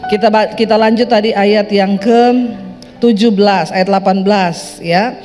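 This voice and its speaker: A woman pastor preaching a lively, teasing sermon to her congregation, with sudden high emphatic lines. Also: moderate pace, long reverb tail, faint music behind.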